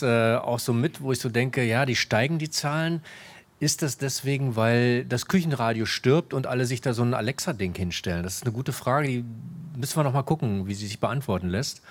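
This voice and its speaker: Hesitant mid-pitched man explaining. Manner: hesitant, many filler sounds. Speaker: radio station staff member. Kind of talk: explaining to a live audience.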